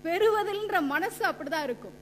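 A woman's voice: extremely high pitch, animated, brisk. A woman giving a stage debate speech, quoting scripture and poetry and acting out anecdotes. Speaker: debate speaker. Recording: echoey hall with faint hum.

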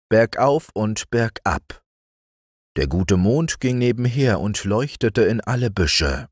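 A man narrating a fairy-tale audiobook in a calm, soothing bedtime reading voice. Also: low-pitched, no room sound, clean studio sound. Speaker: storyteller.

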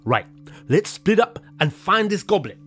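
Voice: mid-range voice, big pitch swings, measured pace, faint music behind. An actor playing a bumbling, boastful boy superhero DJ in a children's audio drama, dramatic and exclaiming. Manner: dramatic, exclaiming, self-important.

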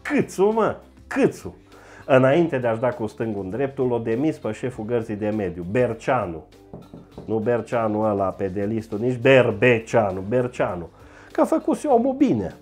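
A man doing a mocking satirical comedy monologue, jumping into high mock voices. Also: animated, a little mellow, soft background music.

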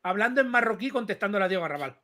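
A man with a high, bright voice who rattles on at a rapid clip. He talks over the others and swears his way through a rowdy livestream chat. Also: lively intonation. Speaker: livestream guest. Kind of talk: heated casual livestream chat.

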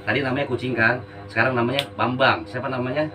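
A man's voice: mid-range voice, steady tone, quick pace. A man, a spiritual practitioner, giving short, repeated coaxing commands during a live demonstration. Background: background music.

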